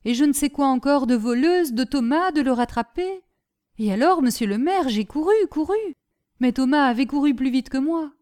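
A woman's voice: high voice, lively intonation, moderate pace, a little mellow, voice pushed up. A woman reading aloud, voicing Gribouille, a simple-minded, earnest young peasant boy who tells his tale eagerly. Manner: naive, eager, breathless storytelling.

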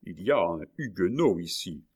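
A man's voice: sits low, lively intonation, normal speed, a little mellow, husky. A man voicing a scheming, greedy, cowardly male innkeeper with a sly manner. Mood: sly eager.

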